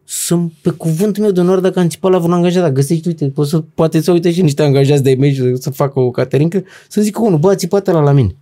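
A middle-aged man, a business owner and professor, talking as a podcast guest in a blunt, slangy, animated way, acting out old conversations as he tells them. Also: on the high side, hardly any pauses. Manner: animated storyteller, blunt slangy speech, acts out dialogue. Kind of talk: casual conversational interview.

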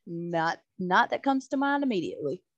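Swearing liberally and performing other people's lines, a young woman podcast co-host spins lively stories in relaxed conversation. She speaks at normal speed in a voice on the low side, recorded lo-fi with no room sound.

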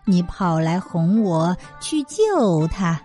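A woman's voice: fairly low pitch, sing-song, takes it slowly, mellow, faint music behind, pitched below the performer's own voice. A woman voicing a proud, hot-tempered male monkey king who snorts and scolds, in a children's story. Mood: scolding haughty.

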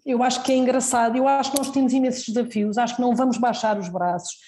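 A woman's voice: a little high, fairly even intonation, fast, warm tone, slight background noise. A woman doctor with a European Portuguese accent giving earnest advice in an interview, often restarting her sentences. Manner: earnest, advising, many restarts. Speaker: doctor guest. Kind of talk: casual interview answers.

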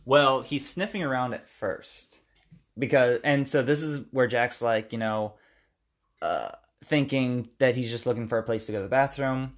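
A man of ordinary pitch talks easily through a film's story, stopping now and then to act out a line. His delivery is relaxed and conversational, the tone of a friend chatting on a podcast. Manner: retells scenes at length, acting out lines in quick character voices. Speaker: podcast co-host recapping a movie. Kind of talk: casual chat.

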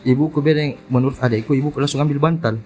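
A man, retelling a hospital possession story in casual chat, animated, acting out the quoted dialogue. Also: medium pitch, racing, slight background noise. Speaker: storyteller guest. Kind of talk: casual spoken ghost story.

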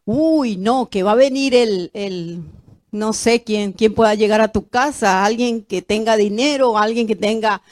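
A woman preaching a sermon, animated and direct, swinging from loud exclamations to soft, low asides and asking her listeners questions. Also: a little slow.

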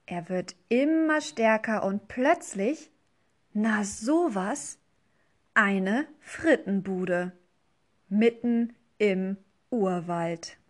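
A woman, a teacher, reading a children's storybook aloud in a gentle, lively way. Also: medium pitch, very slow.

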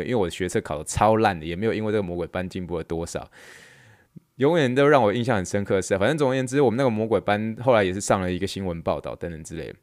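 A young man with a Taiwanese Mandarin accent, hosting a podcast and telling a story in casual chat, acting out shouted slogans as he goes. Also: fairly low pitch, no echo, clean studio sound. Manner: animated, acts out shouted slogans in quotes. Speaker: podcast host. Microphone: close podcast mic.

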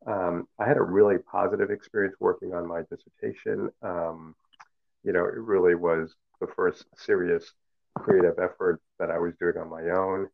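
This middle-aged man is a professor whose native tongue is Cantonese, and he responds to interview questions in a reflective, measured way, full of fillers and false starts. His voice sits low and creaky, and the sound is narrow, as if over a phone.

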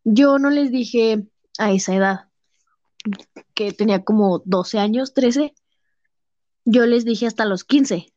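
A woman's voice: fairly high pitch, dark tone. Young Mexican woman telling a personal story. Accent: Mexican Spanish. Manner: casual, halting storytelling with many fillers. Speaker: interviewee. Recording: slightly muffled lo-fi sound.

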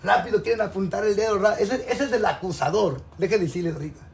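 A man's voice: sits high, quick pace, vocal fry. A man preaching a sermon in a colloquial, exhorting way, addressing listeners directly. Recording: echoey room, faint background noise.

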